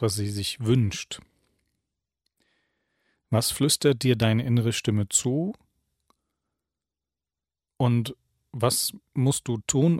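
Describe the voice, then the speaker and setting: A man giving a reflective self-help talk, calmly putting questions straight to the listener. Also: mid-range voice, dry recording, clean studio sound. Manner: calm, addresses the listener directly with questions.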